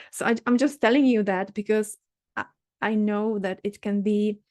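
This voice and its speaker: A middle-aged woman with a Czech accent teaches a workshop session, earnest and halting, often restarting her sentences. Her pitch stays level and even. The recording is dry and close. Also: no room sound. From Czech Republic. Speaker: dermatologist leading a workshop. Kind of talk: workshop talk.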